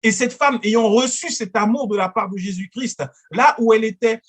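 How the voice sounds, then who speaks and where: A man's voice: high-pitched, normal speed, breathy edge. A man preaching a sermon as pastor, earnest, often acting out prayers and little dialogues in his own voice.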